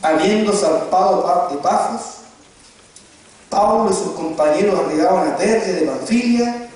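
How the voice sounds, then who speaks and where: A man's voice: sits high, a little slow. A man preaching a sermon, telling stories with jokes and questioning his listeners. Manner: animated, joking, asks the audience questions. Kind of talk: sermon storytelling. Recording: very echoey hall, distant mic.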